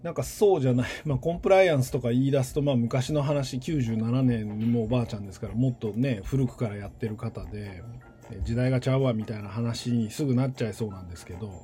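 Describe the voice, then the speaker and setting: Rambling man in his forties, mellow-voiced. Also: mid-range voice. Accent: standard Japanese with a Kansai tinge. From western Tokyo. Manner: rambling, thinking aloud with many pauses. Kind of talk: casual solo monologue.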